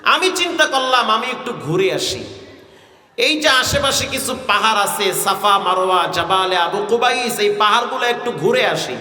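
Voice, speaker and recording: High bright preacher, echoing hall. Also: male voice, moderate pace. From Bangladesh. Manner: animated storytelling with sudden shouted peaks. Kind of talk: Bengali waz sermon. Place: outdoor gathering over loudspeakers. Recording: echoey distant PA sound.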